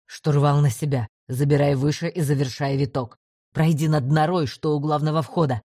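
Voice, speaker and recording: A woman reading an audiobook, voicing a gruff male commander who barks curt orders in a lowered, louder voice. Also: fairly even intonation, moderate pace, dry recording, clean studio sound. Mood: barking orders.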